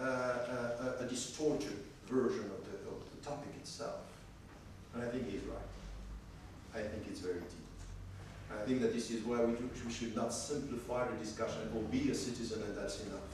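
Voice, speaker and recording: A man's voice: mid-range voice, darkish tone, a little hiss or hum. A man from Switzerland giving a workshop lecture in an emphatic way, often repeating words as he searches for the next one. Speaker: workshop speaker. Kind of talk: academic lecture. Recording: echoey hall, distant mic.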